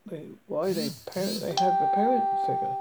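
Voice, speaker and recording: Reading a first-person story dramatically, a horror host speaks haltingly and stumbles over words. His voice is high, husky and creaky, and the recording is very noisy.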